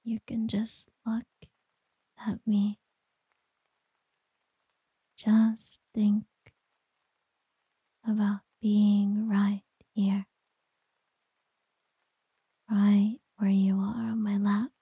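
A woman doing a whispered ASMR girlfriend roleplay, soft, teasing and doting. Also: mid-range voice, monotone, drawn-out words, long pauses, husky, no echo, dull audio.

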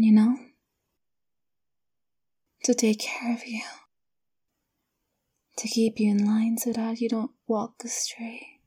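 Woman, young adult, ASMR whisper, husky, higher-pitched, flat, intimate and coaxing. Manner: soft close whispering; intimate, coaxing girlfriend address. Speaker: ASMR roleplay performer.

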